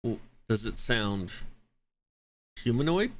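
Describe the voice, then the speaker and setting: A man's voice: mid-range voice, sing-song, slow pace, slight background noise. A man chatting casually as a player in a tabletop role-playing game.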